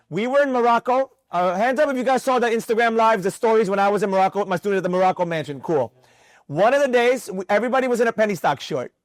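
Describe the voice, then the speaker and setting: Trading teacher, high-pitched man, lively classroom delivery, dry sound. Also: no room sound. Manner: animated, questioning the room. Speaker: trading instructor.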